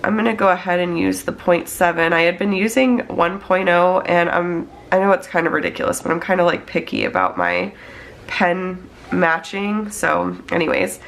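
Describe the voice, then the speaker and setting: A woman in her thirties, a budget planning vlogger stuffed up from a cold, chats casually while planning on a tablet. Her voice is on the low side at a normal speed, with a little hiss or hum, and she talks through each step in a chatty way.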